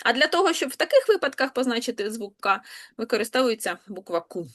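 A woman's voice: fairly high pitch, very animated, quick pace, a bit bright. A woman language teacher explaining spelling patiently, step by step, in an online lesson.

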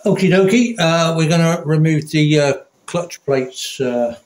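A man's voice: fairly high pitch, unhurried, darkish tone, reverberant. A man demonstrating a motorcycle repair in a workshop, chatty and correcting himself as he works. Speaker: motorcycle mechanic. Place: indoor workshop.

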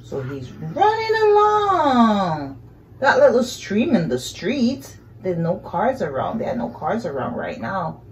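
A mid-range female voice with huge pitch swings tells a picture-book story slowly, over a little hiss or hum. The middle-aged woman is seated on a couch in a small indoor living room, narrating expressively for young children and improvising exclamations and questions.

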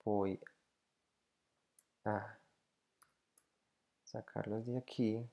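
A man's voice: on the low side, level tone, very slow, creaky, dark tone, lo-fi sound. A man teaching an English grammar lesson to schoolchildren, explaining patiently step by step and repeating each example in two languages.

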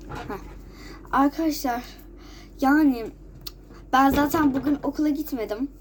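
A woman's voice: high voice, a little hiss or hum. A teenage girl vlogging casually while sick with a cold, coughing and runny-nosed, chatting repetitively to her friends. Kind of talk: casual chat to camera. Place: at home, just out of bed.

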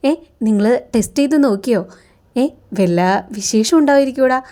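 A woman's voice: a little high, expressive, normal speed, dark tone, natural voice. A woman voicing a fussy, doting old grandmother from a TV serial who chides and asks nosy questions. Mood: fussing.

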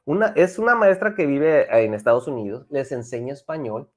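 Lively bilingual teacher. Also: male voice, mid-range voice, a little fast. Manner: lively, mixes Spanish and English, coaxing students. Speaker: English teacher. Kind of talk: online class for children.

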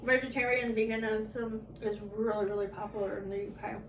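Giggly high-voiced woman tasting snacks. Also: fairly even intonation, fairly quick, background noise. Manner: giggly, chatty. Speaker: vlog host. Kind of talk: casual unboxing taste test. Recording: echoey room, mic far off.

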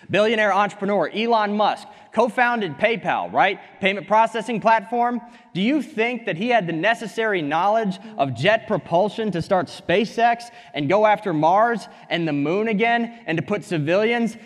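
A young man giving an energetic motivational keynote on a conference stage through a headset mic. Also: sits high. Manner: energetic, gesturing, quips at co-speaker. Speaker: keynote speaker. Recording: hall reverb from a conference stage.

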